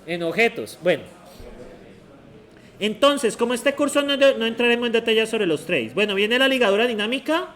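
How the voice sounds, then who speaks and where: A man's voice: extremely high pitch, expressive, fairly bright tone. A man giving a university programming lecture, steadily quizzing the class with short questions. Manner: asks the class many quick check questions.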